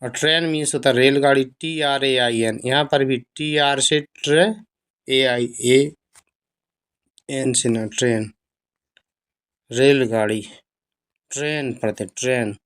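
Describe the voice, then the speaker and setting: An English teacher with a Hindi accent leads a very slow phonics lesson, spelling each word letter by letter and patiently repeating it with its meaning. His middle-pitched voice is clear, resonant, a bit bright, and fairly even in intonation.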